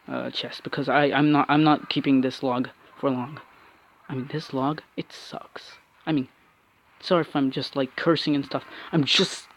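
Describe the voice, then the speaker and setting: Male gamer, angry ranting play-by-play, slightly higher-pitched, frequent swearing and restarts. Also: fairly bright tone, muffled recording. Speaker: mobile game player. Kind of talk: angry gameplay commentary.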